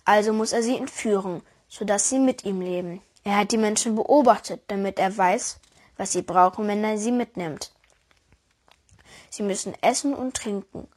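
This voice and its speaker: A woman telling a children's bedtime-style story in a calm, even manner. Her voice sits in a middle pitch and keeps a steady storyteller's pace. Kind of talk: reading a children's story aloud.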